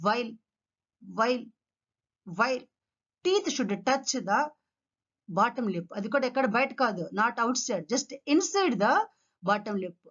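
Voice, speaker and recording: A woman teaching English pronunciation to children, who speaks in a Telugu accent, slowly repeats each word several times and mixes Telugu with English. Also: on the high side, very animated, lo-fi sound. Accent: Indian English, Telugu. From India. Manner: mixes Telugu and English, calls pupils "amma".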